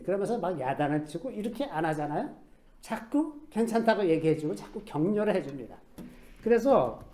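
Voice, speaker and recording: A middle-aged man preaching a sermon as a pastor, telling stories in a conversational way and softly acting out quoted speech. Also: fairly high pitch.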